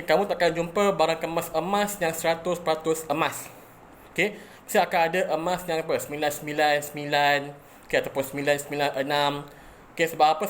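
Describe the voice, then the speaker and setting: A man's voice: a little high, fairly bright tone, slight background noise. A man with a Malaysian Malay accent teaching a chemistry lesson, starting almost every sentence with "okey" and asking and answering his own questions. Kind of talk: classroom lecture explaining chemistry.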